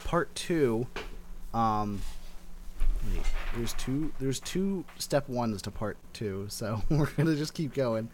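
Guy host reading an article out loud, jokey asides, medium pitched voice. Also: animated, takes it slowly, slight background noise. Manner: reads aloud with playful asides. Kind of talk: casual podcast chat.

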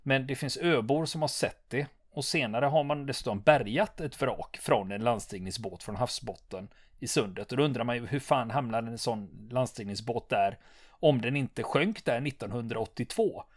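A man narrates a military history episode as a podcast host, recounting events steadily with frequent "eh" pauses. His voice sits at a middling pitch for a man. The recording is close and dry, with no room sound. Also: dry recording. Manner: calm storytelling, rising to excited when narrating combat.

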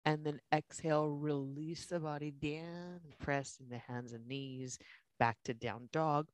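A yoga instructor with a medium-pitched, steady voice slowly guides a class through breath and movement, speaking in short, spaced-out phrases.

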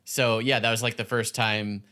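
Bright-voiced, halting male podcaster. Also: on the low side, level tone. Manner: halting, filler-heavy phrasing with many "like"s. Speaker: podcast co-host. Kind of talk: casual chat recapping a show.

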